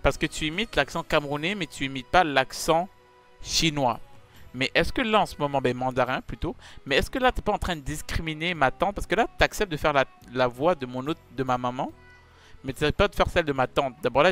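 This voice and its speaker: A man hosting a comedy chat, pleading and insistent, swinging from mumbles to shouts. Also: on the high side, animated, a little fast, faint music behind. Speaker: YouTuber host.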